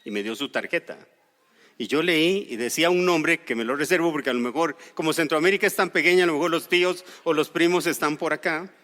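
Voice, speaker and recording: A Costa Rican pastor delivers a sermon in Costa Rican Spanish, explaining scripture through personal stories and touches of light humor. His voice is on the high side, fairly quick, and sharp in tone, with a big-room sound.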